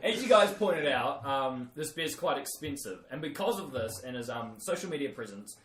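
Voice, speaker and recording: A New Zealand man runs a casual podcast, leading each segment with loose, self-mocking jokes. His voice sits at an everyday pitch. He sounds a bit off-mic in a roomy, echoey space. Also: animated, normal speed, far from the mic, crowd noise. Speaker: podcast host.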